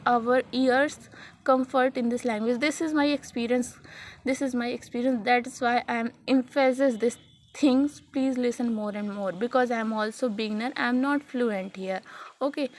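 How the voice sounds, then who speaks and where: A young woman from India with an Indian English accent, giving a casual spoken English lesson, halting often with fillers, restarts and a repeated "okay". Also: fairly high pitch, darkish tone. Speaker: English learning vlogger.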